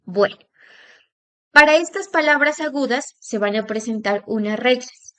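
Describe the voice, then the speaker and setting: Slow, deliberate woman teacher. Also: on the high side, sharp tone. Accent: Latin American Spanish. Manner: slow, drawn-out stressing of example words. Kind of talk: recorded classroom lesson.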